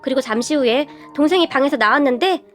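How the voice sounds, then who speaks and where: A woman narrating a family story in a lively, gossipy way. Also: sits high, quick pace. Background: faint background music.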